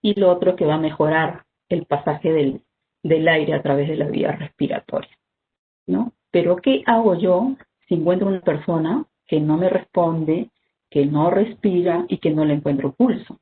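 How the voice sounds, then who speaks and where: Health instructor over tinny call audio. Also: mid-range voice. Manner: measured, explanatory, frequent "¿no?" tags and "este" fillers. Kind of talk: online first-aid training talk. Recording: tinny phone-like video call audio with faint noise.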